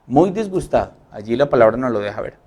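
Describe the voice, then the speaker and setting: A man's voice: mid-range voice, big pitch swings, fast talker, a little mellow, husky, muffled recording. A male pastor with a Colombian accent preaching a Sunday sermon, earnestly acting out the complaints and prayers he quotes. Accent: Colombian Spanish.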